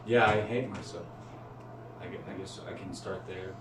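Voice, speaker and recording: A man making a hesitant, halting, self-critical confession. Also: low voice, steady tone. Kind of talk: emotional confession. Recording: echoey room from far off, noisy.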